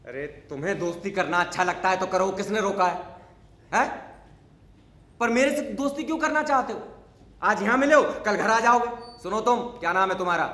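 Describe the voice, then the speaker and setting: A man's voice: high-pitched, lively intonation, fairly quick, bright, forceful tone, reverberant. A man acting a grumpy, unsociable neighbor in a stage monologue, talking in a scolding, sarcastic, lecturing way. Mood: dismissive. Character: grumpy unsociable male neighbor, middle-aged. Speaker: stage actor. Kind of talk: theatrical monologue.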